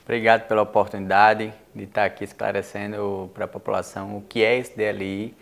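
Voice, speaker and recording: A man's voice: on the low side, level tone, fairly quick, gravelly. A man with a Brazilian accent explaining things as a guest in a studio interview. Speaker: guest, business association leader.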